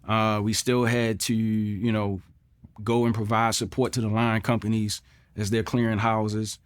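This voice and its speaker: A man's voice: on the low side, level tone, measured pace, smooth. A middle-aged man, a combat veteran, giving a personal interview recollection in a reflective, earnest way, repeating phrases for emphasis.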